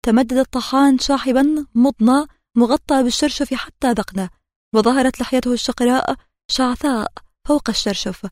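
A woman narrating an audiobook in a measured, steady reading voice. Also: sits high, dry recording, clean studio sound.

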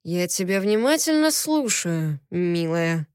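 Brief: woman doing a dangerous, mocking male captive for an audio novel; low, slow and threatening, dry close sound. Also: sing-song, darkish tone, smooth, no room sound. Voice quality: deep low voice. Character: menacing powerful male alien captive, mocking.

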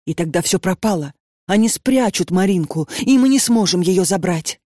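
A woman's voice: lowish voice, animated, moderate pace, dark tone, no room sound, clean studio sound. A woman reading an audiobook and voicing a distraught young woman who pleads frantically and breathlessly. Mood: pleading.

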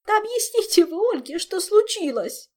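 A woman reading an audiobook, voicing a frightened young woman who sobs and squeals in a high voice. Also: animated, normal speed. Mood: tearful. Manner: sobbing, high and shrill.

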